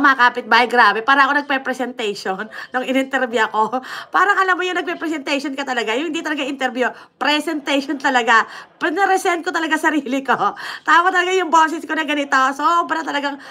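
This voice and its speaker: Woman, Filipino accent, livestream host, chatty, code-switching, high pitch. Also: fast, sharp tone. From Philippines. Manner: chatty, mixes Tagalog and English, laughs often. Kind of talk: casual livestream chat, greeting viewers.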